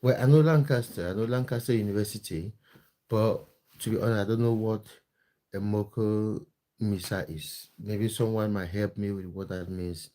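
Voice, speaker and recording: A man's voice: lowish voice, fairly even intonation, normal speed, dark tone. A man from Cameroon, hosting a casual live stream, reading viewer comments in a friendly, chatty way with lots of fillers and restarts. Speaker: live-stream host and football content creator.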